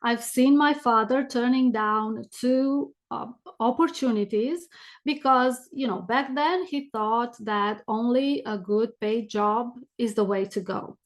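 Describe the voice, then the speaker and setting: This fairly high-pitched woman talks at a slow pace. She's a middle-aged business coach with a heavy Romanian accent, chatting and recounting stories as a podcast interview guest.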